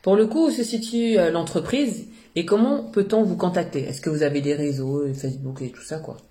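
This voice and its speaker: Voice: medium pitch, fairly quick, warm tone. An interviewer who opens formally, asks questions and adds short friendly quips.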